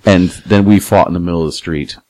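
A young man casually telling rough stories, swearing a lot and acting out what people said. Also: sits low, fast talker, no echo. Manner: animated, swears a lot, acts out quotes. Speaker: podcast guest telling stories. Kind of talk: casual profane storytelling.

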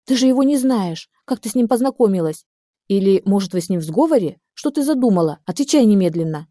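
A woman's voice: mid-range voice, moderate pace, mellow, no room sound, studio quality, natural voice. A woman reading the part of a frantic, furious young woman on the phone, pleading and hysterical.

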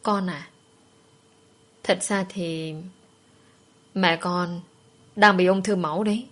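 A woman voicing a gentle middle-aged father who pleads softly with his daughter. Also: on the low side, steady tone, takes it slowly. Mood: pleading.

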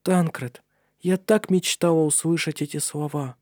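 A man's voice: fairly high pitch, fairly even intonation, a little slow, darkish tone, no echo, studio quality, pitched above the performer's own voice, close to an everyday voice. A man voicing an anxious, tender young woman in love, with trembling pleas, in an audiobook. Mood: emotional.

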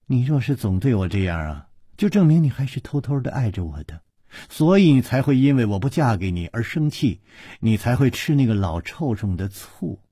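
A man voicing a proud, sharp-tongued young princess who teases and snaps. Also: medium pitch, sing-song, slightly rough, no echo, clean studio sound. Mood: teasing. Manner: teasing, petulant, quick to anger.

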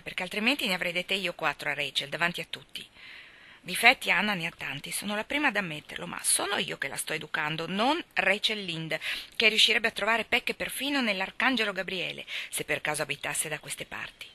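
A woman reading a storybook and voicing a strict middle-aged woman who scolds briskly. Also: lowish voice, lively intonation, sharp tone, full character voice. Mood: indignant.

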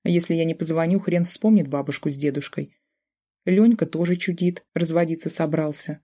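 Mellow steady audiobook narrator. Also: medium pitch, moderate pace. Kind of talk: scripted first-person novel narration.

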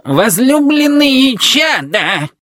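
An actor doing a creaky metallic marrying robot. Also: high voice, very animated, drawn-out words, fairly bright tone, no room sound, clean studio sound, heavily acted. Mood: puzzled. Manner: grumbling, pedantic, long-winded.

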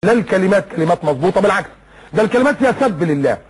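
A man preaching a colloquial sermon with an Egyptian Arabic accent. He mocks as he goes, acts out little scenes in different voices and shouts some lines for effect. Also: high-pitched, animated, very fast, slightly rough, rough recording.

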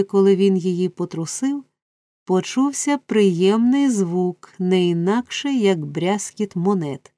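A woman reads a classic novel aloud in a measured, even storybook narration. Her pace is slow and unhurried and her tone is mellow and soft. The sound is dry and close to the microphone. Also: medium pitch, no room sound. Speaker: audiobook narrator.

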